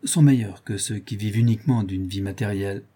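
A man voicing a proud, bitter young woman in a low, subdued tone, reading a story aloud. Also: a little fast, warm tone, breathy edge. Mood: cool.

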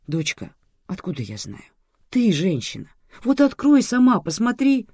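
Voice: mid-range voice, big pitch swings, a little slow, a little mellow, slightly rough, no room sound, clean studio sound, pitched above the performer's own voice. Reader putting on a confused fatherly old man. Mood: bewildered. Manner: bewildered, pleading, raises voice in exclamations.

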